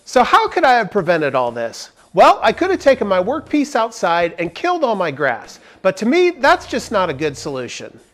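A man's voice: sits high, huge pitch swings, moderate pace, few pauses, fairly bright tone, faint music behind. Upbeat man hosting a woodshop tool review. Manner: upbeat, jokey, explanatory. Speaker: woodworking channel host. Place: large barn workshop. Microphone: lapel.

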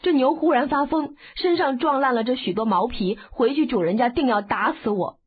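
A woman's voice: high-pitched, moderate pace, slightly rough. A woman voicing a cheeky teenage boy who plays dumb, whining and pleading. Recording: phone-like narrow band.

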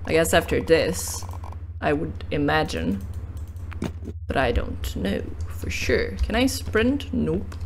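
A woman's voice: low-pitched, sing-song, slow pace, creaky, background noise. A tired, yawning woman giving casual, rambling commentary while she plays a game, swearing casually and laughing often. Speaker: let's play gamer.

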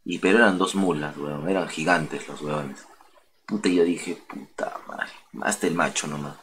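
A man's voice: rumbling low, normal speed, fairly bright tone, a little hiss or hum. A young man with a Peruvian accent, a streamer telling a story in casual, slang-heavy street talk full of swearing. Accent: Peruvian Spanish.

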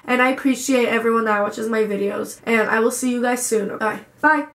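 A woman's voice: a little high, fairly even intonation, fairly quick, reverberant, background noise. A young woman vlogger telling a story in a gushing way and saying "like" a lot. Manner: gushing, lots of "like". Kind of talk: casual vlog storytelling.

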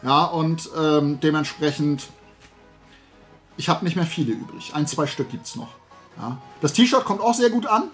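In a room full of collectibles, the middle-aged host of a toy and comics show chats to camera in a loose, rambling, everyday way. He has a fairly high pitch and lively intonation but keeps a measured pace, with soft music in the background.

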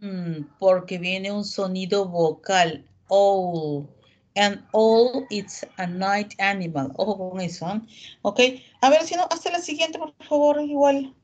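Her mid-range voice is a little mellow as she teaches an online English class on a video call. She patiently calls on students and explains slowly, mixing English and Spanish.

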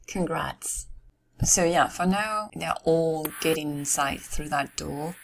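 A woman giving casual game commentary, musing aloud to herself in a somewhat hoarse voice, as if losing it. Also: low voice, takes it slowly, a little hiss or hum. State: losing her voice. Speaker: gamer narrating her game. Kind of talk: casual let's-play commentary.

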